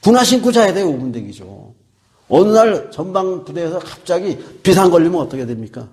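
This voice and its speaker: A man's voice: sits high, big pitch swings, fairly quick, darkish tone. A middle-aged man preaching a sermon as pastor. He asks the congregation questions, answers them himself and repeats key words for emphasis.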